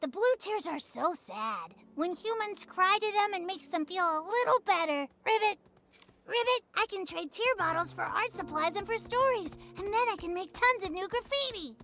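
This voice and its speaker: Small female croaker, game character: extremely high, gravelly edge, timid chatterbox, habitual ribbits. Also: lively intonation, normal speed, sharp tone, exaggerated voice. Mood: chatty, earnest. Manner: punctuates sentences with croaking "ribbit". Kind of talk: scripted game dialogue. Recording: game music behind.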